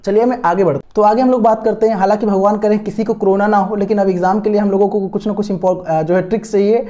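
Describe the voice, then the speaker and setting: A man's voice: sits high, fairly even intonation, fast talker, dark tone. A man teaching an online exam-prep lesson from slides, repeating key words often, full of hesitant fillers and coaxing his students to understand. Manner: coaxing and encouraging toward students. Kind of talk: online lesson explaining memory tricks from slides.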